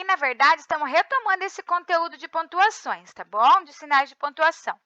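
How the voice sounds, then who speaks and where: A woman's voice: high-pitched, pushed and bright, no room sound, dull audio. A Brazilian woman teaching a recorded class, reading the textbook aloud and often checking in with her students. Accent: Brazilian Portuguese. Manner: reads textbook aloud, checks in with frequent tag questions. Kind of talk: recorded remote class lesson.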